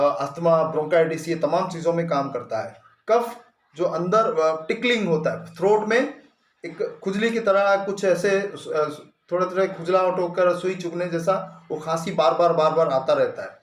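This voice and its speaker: A man explains medicine in a patient, teacherly way, dropping English medical terms into Hindi. His voice sits a little high for a man. The room has a noticeable echo. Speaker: homeopathy doctor. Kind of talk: explanatory clinical lesson. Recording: echoey room.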